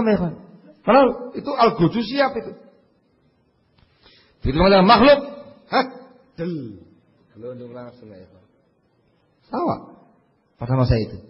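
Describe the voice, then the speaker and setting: A man preaching a religious lecture, telling stories animatedly, swinging between loud lines and murmured asides. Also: sits high, slightly rough, big-room sound. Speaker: Islamic preacher. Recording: dull lo-fi lecture recording.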